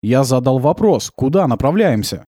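A man doing a stubborn policeman, bossy, loud, slightly raised voice, dry close sound. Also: mid-range voice, very animated, normal speed, dry recording. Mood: insistent. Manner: loud, insistent orders. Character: stubborn male policeman, demanding and commanding.

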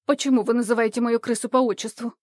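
A woman voicing a plump grieving woman who speaks in a slow, tragic, drawn-out way in an audiobook. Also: fairly high pitch, little pitch movement, no echo, studio quality, natural voice. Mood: lamenting.

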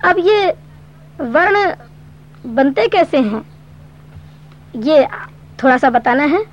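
A woman teaching a Sanskrit grammar lesson, explaining patiently step by step and reciting verse slowly. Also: high voice, expressive. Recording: dull lo-fi recording.

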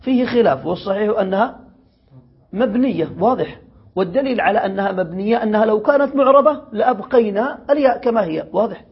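A high-pitched man with a gravelly, husky voice teaches a classical grammar lesson. He reads passages from the text, then explains them and keeps checking that his students follow. The recording is dull and lo-fi. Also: animated, fast talker. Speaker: sheikh teaching Arabic grammar.

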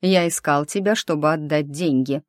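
A woman reading the part of a blind dark-haired man who speaks in a calm, wry, softly insinuating way in an audiobook. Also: a little high, normal speed, no echo, clean studio sound, close to an everyday voice. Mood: plain.

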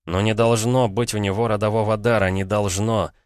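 A male audiobook narrator with a very low, deep voice reads in a measured, dramatic way. The recording is close and dry, with no room sound. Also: steady tone, no room sound. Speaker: audiobook reader. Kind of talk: scripted narration.

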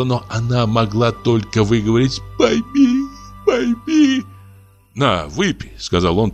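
Man reading a story audiobook, lowish voice, steady and expressive, a bit of music behind. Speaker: audiobook reader. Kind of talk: literary audiobook narration.

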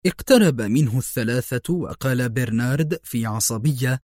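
A man reading an adventure novel aloud as narrator, in a measured, steady voice. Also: medium pitch, no room sound, clean studio sound.

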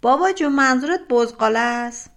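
A woman's voice: high-pitched, expressive, a bit bright, voice pushed up. A woman storyteller voicing a naive young village man who stammers when flustered.

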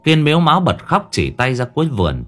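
A man's voice: fairly high pitch, wildly swooping pitch, fairly quick, a bit bright. A man narrating a horror story with dramatic expression. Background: faint music.

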